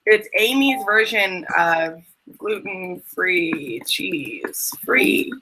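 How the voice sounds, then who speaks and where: A woman's voice: on the low side, expressive, extremely slow, pushed and bright, a little hiss or hum, low-quality recording. A woman interviewing a guest in a casual, chatty style. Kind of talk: casual chat.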